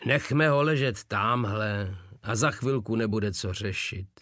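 A man's voice: lowish voice, a bit bright, dry recording, studio quality, lightly acted. A man voicing a big, crude male soldier who jokes in a mocking way, in a storybook reading. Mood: blunt, practical.

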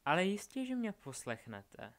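A man's voice: high voice, big pitch swings, a bit bright, voice pushed up, heavily acted. A man voicing a cruel, scheming young witch who taunts and threatens. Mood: commanding. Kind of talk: audiobook character voice.

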